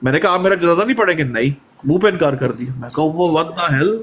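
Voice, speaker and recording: Guy, bit high voice, telling stories in a chatty interview, acts out the back and forth. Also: fast talker. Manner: animated storytelling, acting out quoted exchanges. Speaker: guest. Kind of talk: casual conversational interview.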